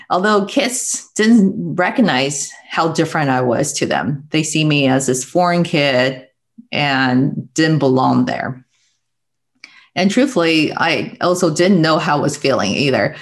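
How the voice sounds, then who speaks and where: A middle-aged woman from Taiwan, a guest speaking earnestly and reflectively with soft laughs, heard over earbud mic on a video call from a home room. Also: sits low. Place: home room with bookshelves, indoors. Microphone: wired earbuds headset on video call.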